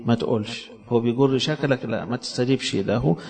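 A man preaching a sermon in an Egyptian Arabic accent, rising to emphatic lines and then dropping to soft low asides. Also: fairly quick, vocal fry.

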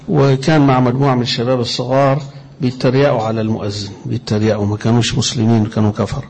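Egyptian guy teaching hadith, husky raspy voice with some fry, reads the quotes out slow. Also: mid-range voice, darkish tone. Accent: Egyptian Arabic. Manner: recites quoted phrases slowly and deliberately. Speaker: religious teacher. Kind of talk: explaining hadith in a religious lesson.

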